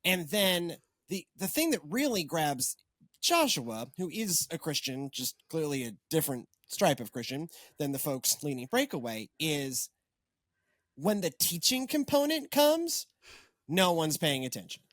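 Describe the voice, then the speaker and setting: Chatty wry pastor hosting a podcast. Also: male voice, on the high side, big pitch swings, unhurried, a bit bright, dry recording. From Texas. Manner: chatty, rambling, wry, many fillers and restarts. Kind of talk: casual podcast chat.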